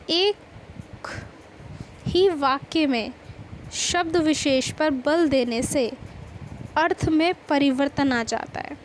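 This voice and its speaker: High-voiced woman teaching a grammar lesson. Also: slight background noise, low-quality recording. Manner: explanatory, repeats questions to students.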